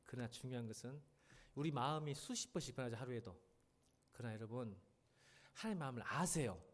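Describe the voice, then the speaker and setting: A middle-aged senior pastor preaches at a midweek church service, animatedly questioning the congregation and urging them to listen closely. He speaks briskly in a medium-pitched voice.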